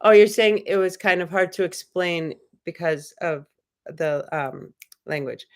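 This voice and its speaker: Here the young woman hosting the livestream talks in an unhurried, lowish voice, wandering through spiritual musings and viewer comments with plenty of filler words in a relaxed chat.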